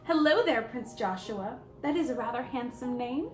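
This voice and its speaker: A woman's voice: on the high side, lively intonation, normal speed, recorded from a distance, close to an everyday voice. A woman playing a sweet, cheerful young princess, hosting a live story-time and greeting children in a gushing, sing-song way with little delighted gasps. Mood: sweet, welcoming. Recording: echoey room, away from the mic, faint music.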